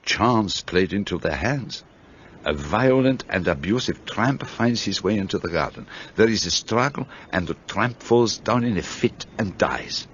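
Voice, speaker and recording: An older actor voices a self-assured, fussy elderly Belgian detective in a radio play, with a French-tinged Belgian accent, precisely and theatrically explaining his deductions. He speaks a little slowly, his lowish voice animated and a bit bright. Faint hiss runs through the dull, lo-fi recording.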